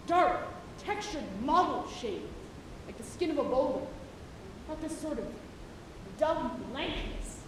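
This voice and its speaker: Sounding awed and unsettled, a high-voiced woman performs a live stage monologue as Elijah, an odd theatrical sailor who lectures about whales in grand, archaic literary phrasing punctuated by dramatic pauses. The recording comes from a distance in a large, echoey theatre auditorium, with background noise and loud music behind her.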